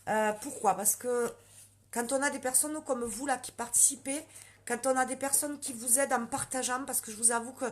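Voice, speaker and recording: A woman's voice: high-pitched, steady tone, normal speed. A woman with a southwestern French accent, chatting casually on a makeup live stream and answering viewer comments. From Lot, southwestern France.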